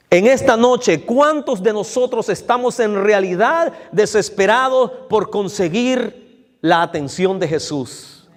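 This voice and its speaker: A man preaching an evening sermon to his congregation, speaking to them directly and repeating phrases for emphasis. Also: high voice. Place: church hall. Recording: long reverb of a church hall.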